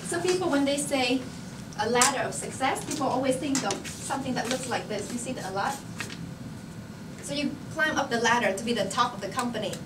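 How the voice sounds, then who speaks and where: High-voiced woman giving a motivational speech. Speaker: company employee addressing colleagues. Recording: roomy, noisy recording from far off.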